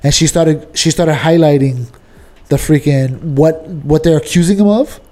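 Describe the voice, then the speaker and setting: Man, casual political debate, argumentative, animated, warm tone. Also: a little high, normal speed. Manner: animated, argumentative, fillers like freaking.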